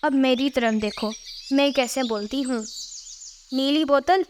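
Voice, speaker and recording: A woman's voice: sits high, unhurried, slight background noise. A woman voicing a bossy female bird thief in a cartoon, delivering threats like theatrical Bollywood hero dialogue. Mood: swaggering, threatening. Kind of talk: cartoon character voice acting.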